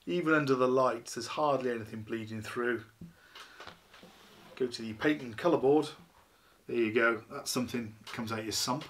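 A man's voice: mid-range voice, normal speed, long pauses, slight background noise. Chatty beer reviewer in his fifties, rambling and self-mocking, filmed at a living-room table. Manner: chatty, rambling, self-deprecating, many ums and you-knows. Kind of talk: casual beer review to camera. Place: small living room, indoors, seated at a table.

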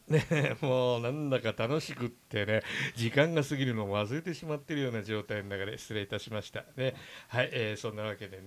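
A man from Aichi hosting a casual radio talk show, chatty and full of fillers. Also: medium pitch. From Aichi, Japan. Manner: chatty, many fillers and laughs. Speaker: radio host. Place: radio studio.

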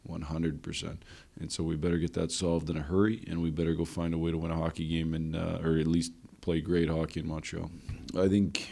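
A man's voice: rumbling low, completely flat delivery, brisk, gravelly, few pauses, warm tone, slightly rough. A man in his forties, a head coach, talking bluntly and emphatically at a post-game press conference at a desk microphone. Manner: blunt, emphatic, repeats phrases.

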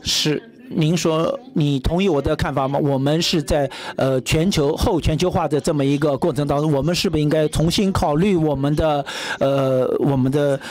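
A man's voice: fairly high pitch, fairly even intonation, normal speed, hardly any pauses, darkish tone. A man simultaneously interpreting a panel discussion, hesitant and correcting himself often, with frequent fillers.

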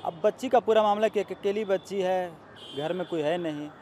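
Mellow-voiced man reviewing a film. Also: sits high. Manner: measured, explanatory, in Hindi. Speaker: moviegoer giving a film review. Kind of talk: street vox-pop interview. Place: outdoors on a city street. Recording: faint street noise outdoors.

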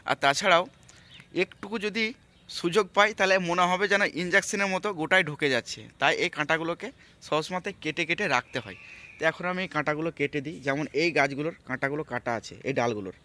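A man vlogging outdoors on a farm, chatting step by step to viewers while he works. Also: fast talker. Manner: lowers voice to talk quietly. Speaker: vlogger, migrant farm worker. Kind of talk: casual explanatory vlog.

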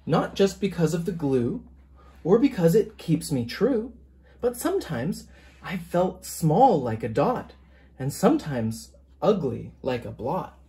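In a mid-range voice, the teacher reads the picture book to children, her delivery gentle, unhurried and sing-song.

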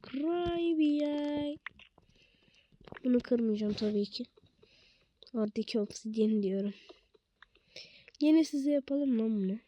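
Slow-talking, foul-mouthed woman gaming. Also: fairly high pitch, dark tone, lo-fi sound, a little hiss or hum. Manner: swears constantly, short blunt exclamations; slangy street talk. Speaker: gameplay streamer. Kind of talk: casual gameplay commentary.

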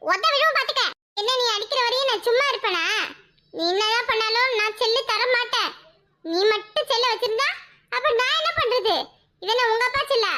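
A woman's voice: very high-pitched, sharp tone, slight background noise. A woman voicing cheeky, quarrelsome young boys in a cartoon, teasing and bickering over a phone. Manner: squabbling, teasing banter. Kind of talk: cartoon voice acting.

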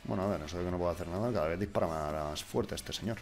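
A young man from giving casual, excitable gameplay commentary, swearing and swinging from mutters to shouts. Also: low voice, fast talker, faint music behind. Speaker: gaming YouTuber.

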